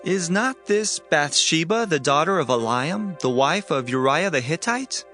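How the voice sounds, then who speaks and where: A king's servant answers with a slow, deliberate question. His voice sits fairly high, and faint music plays underneath. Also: expressive, fairly bright tone. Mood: informative. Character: male servant answering the king.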